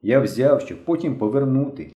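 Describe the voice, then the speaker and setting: A man's voice: mid-range voice, lively intonation, normal speed, reverberant, muffled recording, close to an everyday voice. A man voicing a sulky boy caught taking brushes, mumbling sullenly.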